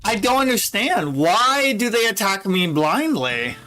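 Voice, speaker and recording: A man's voice: high-pitched, big pitch swings, unhurried, sharp tone. A man streaming a game, commenting casually to himself, swearing and puzzled at what happens. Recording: faint game music behind.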